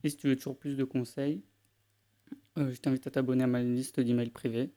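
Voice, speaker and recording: A young man from France hosting his own language-learning podcast, chatting straight to the listener in a relaxed, informal way. His voice sits in a mellow, darker register, and his pitch stays fairly level throughout. He often restarts phrases and fills gaps with hesitations. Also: brisk. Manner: informal, addresses listener as "tu", many restarts and fillers. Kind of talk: casual solo podcast talk.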